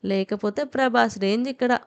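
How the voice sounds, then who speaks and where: A woman's voice: a little high, a little fast, clean tone, natural voice. A woman voicing a boastful, joking young male college student with a cocky, playful manner.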